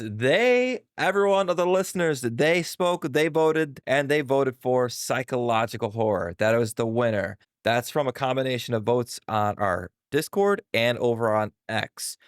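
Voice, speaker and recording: A man's voice: mid-range voice, animated, measured pace, clean tone, no room sound, studio quality. A man hosting a casual gaming podcast, upbeat and jokey as he runs through the segments. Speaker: podcast host.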